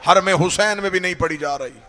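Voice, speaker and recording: A man, a cleric leading a mourning gathering, chanting a grieving sermon into a microphone that swells into loud wailing cries. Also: high-pitched, brisk, in a large hall. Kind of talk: impassioned sung mourning sermon. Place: Karachi, gathering hall.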